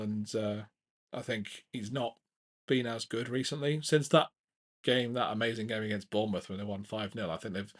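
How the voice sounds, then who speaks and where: A young man at a medium pitch hosts a live football watchalong, giving casual play-by-play that often restarts mid-sentence. He gets excited whenever a big chance comes up.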